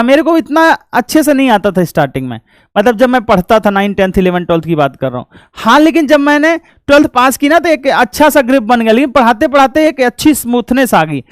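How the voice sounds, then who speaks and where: A man's voice: sits high, clear, resonant tone, dry recording, studio quality. A man teaching an online lesson, chatty and coaxing, with joking asides to his students and snatches of hummed songs. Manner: coaxing, motivational; hums snatches of film songs.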